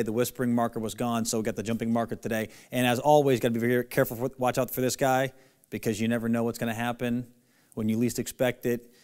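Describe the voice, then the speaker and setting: A man leading a children's Bible lesson to camera, playful and coaxing, reciting slowly with emphasis. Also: mid-range voice, darkish tone. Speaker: church children's teacher. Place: church room.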